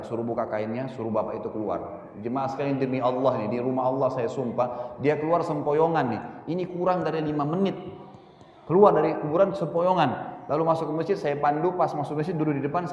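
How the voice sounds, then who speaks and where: A man's voice: on the high side, darkish tone, reverberant, in a large hall, muffled recording, slight background noise. A male preacher giving a sermon, telling a story and acting out the dialogue. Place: large mosque.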